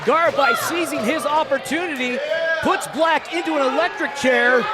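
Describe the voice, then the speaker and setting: A man giving live wrestling commentary as a booming, pumped-up announcer who often shouts. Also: moderate pace, heavy background noise. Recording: loud crowd and music behind. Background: cheering crowd, music, ring slams.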